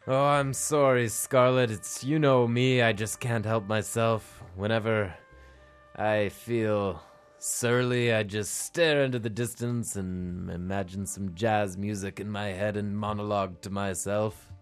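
A man playing a world-weary old seafaring private detective in a gruff, brooding, self-dramatizing noir monologue style for a comic radio play. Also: fairly low pitch, steady tone, a little slow, close to an everyday voice. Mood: surly, sheepish. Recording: music playing under the voice.

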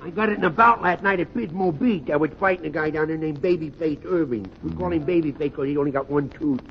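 An actor playing a dim, boastful punch-drunk boxer in an old radio comedy sketch, rambling and repeating himself in slangy talk. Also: male voice, a little high, fast, natural voice. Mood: cheerfully muddled. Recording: muffled, noisy old radio recording.

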